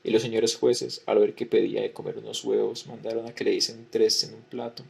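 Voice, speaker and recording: A man lecturing, reading a historical record aloud in a measured way and repeating the same formula as he goes. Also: fairly low pitch, little pitch movement, gravelly, husky.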